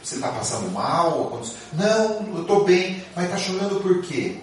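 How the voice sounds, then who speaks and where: A man playing a gentle old fatherly friar. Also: high-pitched, sing-song, normal speed, a little hiss or hum, voice pushed up. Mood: concerned. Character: kind elderly male friar, gentle and fatherly. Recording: echoey hall from far off.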